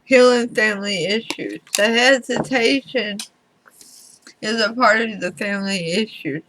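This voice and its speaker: A medium-pitched woman gives viewers a tarot reading in deliberate short phrases, her speech a bit slurred as though her mouth were swollen. There's background noise in the clip.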